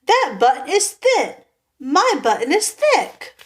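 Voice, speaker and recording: A woman doing a fussy, shouty storybook toad. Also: high-pitched, huge pitch swings, slow, voice pushed up, full character voice. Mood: indignant. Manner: loud, indignant insisting. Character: fussy, cranky toad, male, small.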